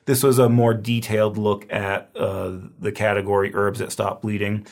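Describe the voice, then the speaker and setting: Losing his voice, a male herbal medicine teacher talks through a loose, filler-heavy review session in a casual lecture style. His voice is on the low side, creaky and darkish, with a level tone and a moderate pace.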